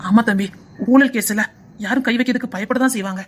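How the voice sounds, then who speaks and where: A woman voicing a calm, sympathetic male politician who speaks in a soothing, matter-of-fact way, with a Tirunelveli Tamil accent. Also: on the high side, fairly quick, close to an everyday voice.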